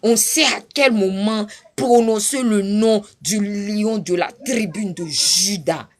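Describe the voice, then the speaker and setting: A woman's voice: medium pitch, slow pace. A woman preaching her testimony on a live stream, fervent and repetitive, breaking into sudden cries. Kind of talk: impassioned spoken testimony.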